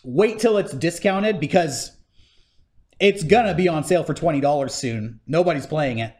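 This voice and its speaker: A man in casual podcast chat giving a game review, animated and swearing freely. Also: on the high side, normal speed. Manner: animated, swearing, acts out scenes in mock voices.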